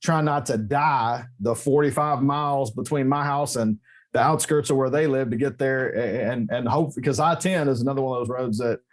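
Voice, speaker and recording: A man guesting on a motorcycle podcast, talking in a loose, easygoing way. He tells his stories animatedly, jokes often, and his voice jumps up in pitch when he stresses a point. His voice sits at an ordinary middle pitch for a man. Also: moderate pace. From Texas. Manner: animated, joking storyteller with emphatic pitch jumps. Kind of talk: casual interview chat.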